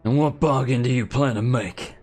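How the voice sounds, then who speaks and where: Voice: medium pitch, normal speed, a little mellow, faint music behind. A game player giving casual, sarcastic, wisecracking commentary with some swearing. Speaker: let's player.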